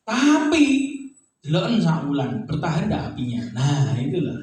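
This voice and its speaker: A middle-aged male pastor with a Javanese accent, preaching an animated sermon with frequent "ya toh?" asides. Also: a little high, measured pace, slight background noise. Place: church hall. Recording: distant mic in echoey church hall.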